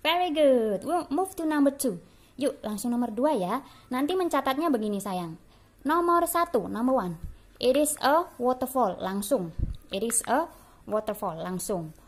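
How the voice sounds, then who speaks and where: A woman's voice: a little high, lively intonation, unhurried, breathy edge. A woman teacher with an Indonesian accent giving a bilingual English lesson to young pupils, repeating words for them to copy and calling them dear. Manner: affectionate, calls pupils dear. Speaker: primary school English teacher.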